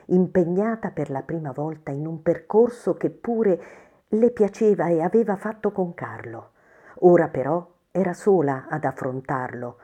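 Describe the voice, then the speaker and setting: A woman reads a story aloud in a measured, expressive manner. Her voice sits low, with a dark, mellow tone and a steady storybook narration style.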